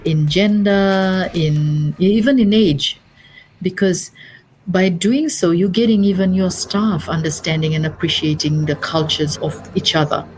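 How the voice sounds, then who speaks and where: A woman's voice: lowish voice, measured pace, a little mellow, slight background noise. A middle-aged woman from Fiji with a Fijian accent, a business advisor speaking earnestly as a guest, often repeating and restarting her words. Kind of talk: interview conversation.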